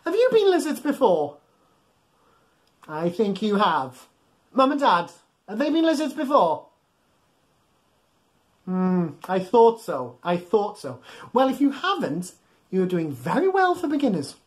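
A man in his thirties, high-pitched and swinging hugely in pitch, reads a bedtime story to young children. He's playful, exaggerated and encouraging, speaking to them with questions and pauses. He's recording in a small room at home heaped with soft toys.

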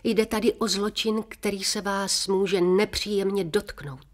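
A woman reading a children's story aloud, voicing a stern, kindly old woman who speaks briskly and firmly. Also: medium pitch, steady tone, pitched above the performer's own voice, natural voice. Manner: brisk and firm.

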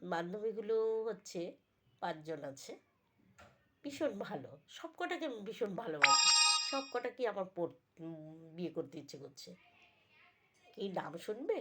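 A woman's voice: lowish voice, sing-song, unhurried, long pauses, a bit bright, husky, full character voice. A woman voicing a young man who sweet-talks his father about his girlfriends. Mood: coaxing. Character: young man boasting son, lovestruck.

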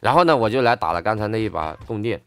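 A man's voice: lowish voice, lively intonation, fast, a bit bright, smooth. A man gaming online and telling an angry story in a heated, indignant ranting manner. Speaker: game streamer. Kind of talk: ranting story over gameplay.

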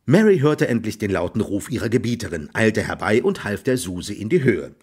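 A man narrating an audiobook in an expressive storytelling manner. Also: lowish voice, brisk, breathy edge. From Germany. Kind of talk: scripted narration.

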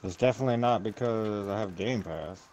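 A man talks casually while playing a game, rambling and swearing freely in a low, slightly mellow voice at a brisk pace. His mic is clearly noisy and catches clicks from the session.

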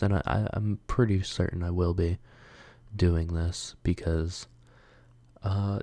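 Slow, low-voiced hesitant young man. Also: warm tone, dry recording. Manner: hesitant, many ums and pauses. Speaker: channel host. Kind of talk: casual solo talk.

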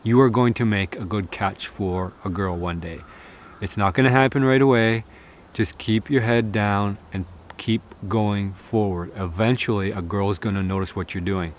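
A man's voice: on the low side, fairly even intonation, moderate pace, a little hiss or hum. A man in his thirties talking earnestly to the camera outdoors in a snowy forest, giving advice with many fillers. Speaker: outdoor vlogger. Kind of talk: casual talk to camera, reading viewer comments. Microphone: camera close in front, seated.

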